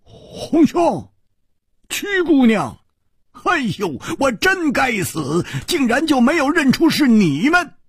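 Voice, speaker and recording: A man voicing a loud, hot-headed swordsman. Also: very high-pitched, wildly swooping pitch, slow pace, no room sound, clean studio sound, pitched above the performer's own voice, exaggerated voice. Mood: remorseful, agitated. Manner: shouting, loud and self-reproaching. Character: rash, hot-headed young male swordsman.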